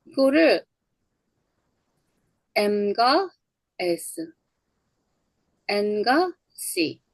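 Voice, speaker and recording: Gravelly teacher woman, dry close sound. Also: a little high, lively intonation, very slow, no room sound, poor audio. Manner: explains step by step, repeats words for drilling. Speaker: English teacher. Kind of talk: online lecture on English phonology.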